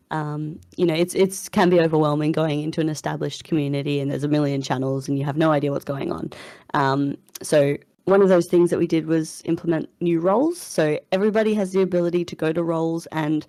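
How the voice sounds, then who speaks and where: A woman's voice: low-pitched, gravelly, warm tone, dry recording, clean studio sound. A woman hosting a casual live voice chat, upbeat and chatty, with fillers and frequent laughs, in her morning voice. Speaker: community manager hosting an AMA. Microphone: voice chat headset or computer mic.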